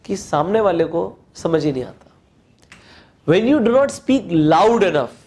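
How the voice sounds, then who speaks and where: A man with a Hindi accent giving a spoken English lesson, explaining step by step and reading English phrases slowly aloud. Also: high voice. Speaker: English teacher.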